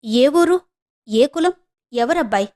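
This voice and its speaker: A woman's voice: high-pitched, animated, slow pace. A woman voicing an unmarried elder sister who is a doctor, questioning firmly and speaking heavily, in a storybook reading. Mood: probing. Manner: firm questioning, then soft and heavy.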